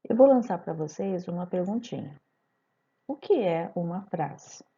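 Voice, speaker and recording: A woman's voice: on the low side, lively intonation, a little slow, gravelly, mellow, breathy edge. A woman teacher with a Brazilian Portuguese accent narrating a recorded lesson, putting questions straight to her students. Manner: didactic, addresses students directly with questions. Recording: dull lo-fi voice-over recording.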